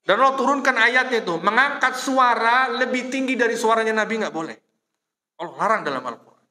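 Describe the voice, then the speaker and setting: Preacher, male, high bright voice, chatty delivery, acts out quotes, echoing mosque hall. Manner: conversational, addresses listeners as "Pak", acts out quoted voices. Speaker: religious teacher. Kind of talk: mosque study sermon. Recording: long hall reverb.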